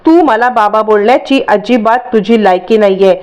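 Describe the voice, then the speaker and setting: A woman's voice: mid-range voice, moderate pace, darkish tone, close to an everyday voice. A woman voicing a wealthy older father who has been deceived, speaking in an indignant, scolding way in a storytelling recap. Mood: angry.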